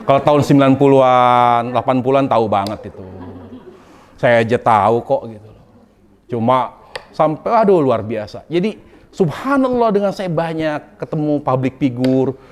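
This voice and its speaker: A man's voice: mid-range voice, lively intonation, normal speed. Male preacher, conversational and humorous, repeats his key points, casual sermon to a women's group. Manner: chatty and humorous, with colloquial asides and acted quotes; pleading, repeating points for emphasis. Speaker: Islamic preacher.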